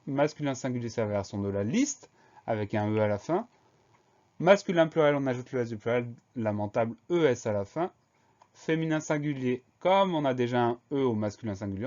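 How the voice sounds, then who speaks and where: A man teaching a spelling lesson, calmly breaking words into syllables and spelling them out letter by letter in a clear, methodical way. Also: medium pitch, highs cut off. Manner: slow, clear, methodical dictation.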